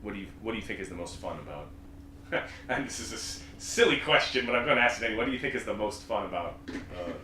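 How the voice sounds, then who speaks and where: A man's voice: lowish voice, animated, fast talker, sharp tone, reverberant, a little hiss or hum. A man hosting a loose, chatty interview, with lots of fillers and laughter, in a room with a couch. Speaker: host. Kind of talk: casual interview chat.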